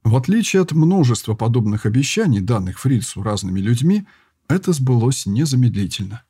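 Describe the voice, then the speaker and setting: A man narrating a story expressively, with a husky voice. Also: mid-range voice, big pitch swings, fairly quick, mellow, no echo, clean studio sound. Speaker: audiobook narrator. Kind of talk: scripted narration.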